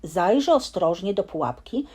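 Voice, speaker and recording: Ekspresyjna lektorka bajek na dobranoc. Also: female voice, medium pitch, normal speed, husky. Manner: expressive, lively storytelling. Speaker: storyteller. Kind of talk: bedtime story reading.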